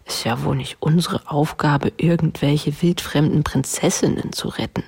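A woman's voice: deep voice, moderate pace, creaky, darkish tone, slightly rough, full character voice. A woman voicing a sulky, contrary dog in a children's story read aloud. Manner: dismissive, sulky. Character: grumpy, contrary male dog.

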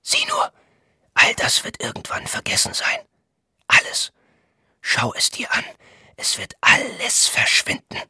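A man's voice: mid-range voice, lively intonation, normal speed, breathy edge, no echo, clean studio sound, pitched above the performer's own voice, heavily acted. A man doing an anxious whispering man. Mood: hushed, urgent. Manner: hushed, urgent whispering. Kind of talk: audiobook character voice.

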